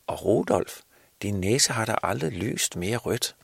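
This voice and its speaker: A man voicing a jolly, kindly old Santa who coaches a younger man's voice, loud and encouraging. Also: animated, vocal fry, slightly rough, no echo, full character voice. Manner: booming, encouraging, raised voice.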